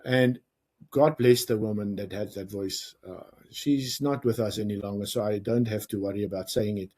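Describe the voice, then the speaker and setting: A man with a South African accent giving a lively, conversational talk to parents, explaining ideas with jokes and acted-out examples. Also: fairly low pitch, moderate pace, husky. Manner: lively, conversational, jokes and acts out quoted lines. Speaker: parenting coach and teacher. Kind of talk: educational talk to camera.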